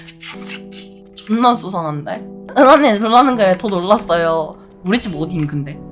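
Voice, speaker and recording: A VTuber streamer with an animated, mid-range voice talks fairly quickly over soft background music. Playing a horror game, she reads the dialogue aloud and swears and shrieks whenever something startles her.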